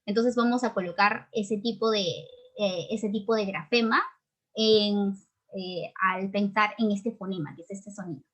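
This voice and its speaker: A woman from Peru, speaking with a Peruvian Spanish accent at medium pitch, gives an online grammar lesson. She explains patiently and checks in often with quick tag questions.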